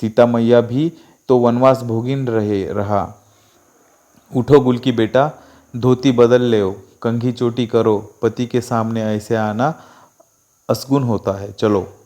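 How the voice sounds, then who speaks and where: A man's voice: medium pitch, steady tone, slow, warm tone, lightly acted. A man reading the part of a scheming, bossy older aunt who talks in rustic dialect. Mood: coaxing.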